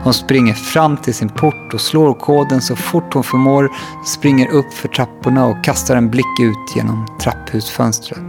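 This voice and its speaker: A male narrator reading a children's story aloud in a calm, steady way. His mid-pitched voice has a gravelly grain, with faint music under it. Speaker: audiobook narrator.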